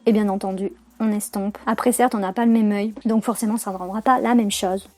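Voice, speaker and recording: A woman's voice: mid-range voice, fairly even intonation, a little fast, darkish tone. A young woman chatting casually through a makeup tutorial, slangy and full of fillers and self-corrections. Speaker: beauty vlogger.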